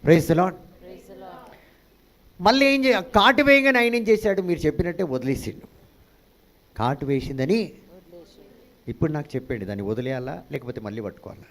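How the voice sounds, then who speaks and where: A man's voice: a little high, animated, moderate pace, pauses often, a bit bright. A male pastor preaching a sermon, calling out to the congregation for responses and dropping in English phrases.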